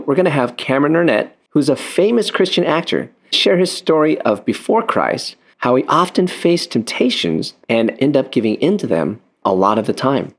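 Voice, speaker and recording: A man's voice: medium pitch, husky. A middle-aged man hosting an evangelical radio interview, chatty and enthusiastic, often cutting in with "wow". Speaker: radio show host, evangelist.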